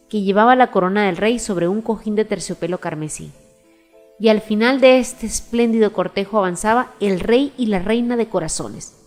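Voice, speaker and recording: A woman narrates a storybook in a measured, expressive way at an ordinary middle pitch. Faint music plays softly behind her reading. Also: long reverb tail. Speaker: audiobook narrator.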